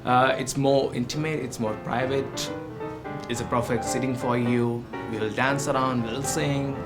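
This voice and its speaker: A friendly man talks easily about his photo studio, pausing on "uh"s. Clear background music runs under his mid-pitched voice. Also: steady tone. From India. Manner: friendly, with frequent filler "uh". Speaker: ship photographer.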